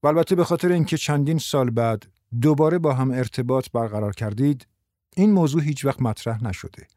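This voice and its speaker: A man voicing a patient male investigator in an audiobook, explaining things in a calm, measured way. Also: mid-range voice, no echo, studio quality, lightly acted. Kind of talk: audiobook character voice.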